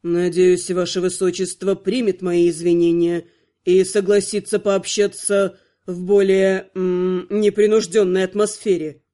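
A woman voicing a charming, suave male archvampire ruler who speaks smoothly and with mocking politeness, in an audiobook. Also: fairly low pitch, level tone, a little slow, dark tone, pitched below the performer's own voice, close to an everyday voice.

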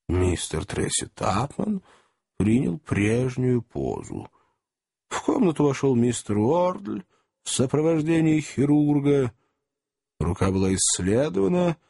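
A man's voice: mid-range voice, gravelly, dark tone, slightly rough. A man reading a novel aloud as an audiobook, voicing every character expressively. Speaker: audiobook narrator. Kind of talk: scripted narration.

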